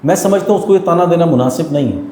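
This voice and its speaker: A man's voice: a little high, animated, dark tone, roomy sound. A man, a teacher, telling stories and explaining his views earnestly in an interview, mixing in English terms. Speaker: teacher and guest. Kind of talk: storytelling in an interview.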